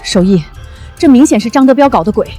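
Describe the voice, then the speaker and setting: Concerned, alert restaurant owner for short drama, high lively voice over music. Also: female voice, fast. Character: caring, alert restaurant proprietress and partner.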